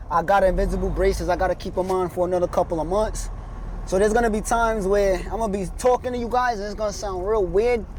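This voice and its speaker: A man with a high voice and a slight slur and lisp, talking casually from his truck cab. His easygoing, slangy chatter rambles along. A faint hum of noise sits under his voice. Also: steady tone, quick pace, darkish tone, rough recording. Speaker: truck driver vlogger. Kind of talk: casual chat.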